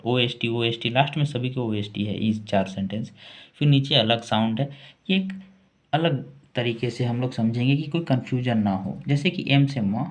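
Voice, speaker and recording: A man teaching English spelling and pronunciation, spelling out letters one by one and repeating each word slowly. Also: medium pitch. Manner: slow, repeats words, spells letters aloud. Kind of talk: spoken spelling lesson.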